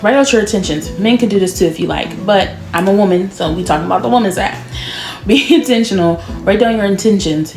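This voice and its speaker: Woman, late 20s, casual vlogger, mid pitch, roomy echo, faint music bed. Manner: chatty, drawn-out words, lively laughs. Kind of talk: casual chat to camera. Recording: echoey room with faint music.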